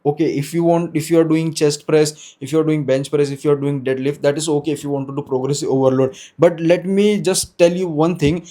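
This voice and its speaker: This young Hindi-speaking man, in his twenties, speaks fairly quickly about fitness with an Indian English accent, barely pausing, his fairly high, mellow voice keeping a fairly even intonation. Off the cuff and on camera in a small room, he stumbles, restarts and fixes his wording again and again.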